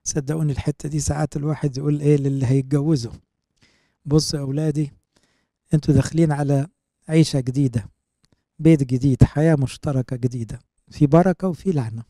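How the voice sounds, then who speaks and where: A man's voice: a little high, steady tone, fast, pauses often, warm tone, no echo, clean studio sound. A man with an Egyptian Arabic accent, a priest giving a Bible commentary sermon, reading verses and explaining them in everyday speech. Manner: explains scripture in colloquial asides, quoting verses.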